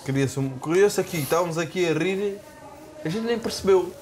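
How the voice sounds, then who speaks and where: A man's voice: high voice, moderate pace, a little mellow, a little hiss or hum. A man, a reality show contestant talking over others in a casual argument, reassuring. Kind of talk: heated casual conversation.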